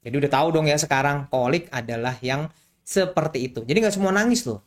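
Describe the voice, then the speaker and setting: A man, a doctor, explaining things in a casual, chatty way, animated and often repeating key words. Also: fairly high pitch, fast. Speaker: doctor explaining infant health.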